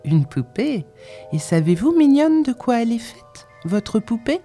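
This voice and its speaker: A woman reading aloud, voicing a stout, pompous middle-aged man who coaxes in a hushed voice and scolds harshly, with faint music behind. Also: fairly high pitch, big pitch swings, a little slow, pitched above the performer's own voice. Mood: hushed wheedling. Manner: hushed wheedling, turning to sharp scolding.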